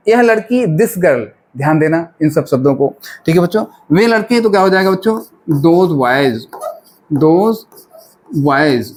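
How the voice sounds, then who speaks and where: A man's voice: high voice, darkish tone. A male grammar teacher, giving a classroom-style lesson. He repeats each phrase and keeps quizzing his pupils as children.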